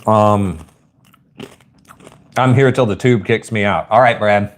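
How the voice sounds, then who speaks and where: A livestream host with a Southern US accent talks from home in an unhurried, lowish voice. The chat is rambling and folksy, peppered with y'all and ain't.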